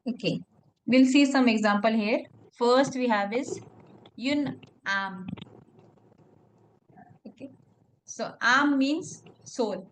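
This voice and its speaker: A woman's voice: on the high side, measured pace, slight background noise. A woman teaching French one-on-one, patiently spelling words out letter by letter and saying "okay" often. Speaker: French tutor. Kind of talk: one-on-one language lesson.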